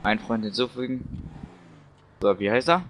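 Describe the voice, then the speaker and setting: A man's voice: medium pitch, expressive, a little slow, a bit bright, slight background noise. A man in a group voice chat while gaming, talking in a laid-back, plain way. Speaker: player in the group.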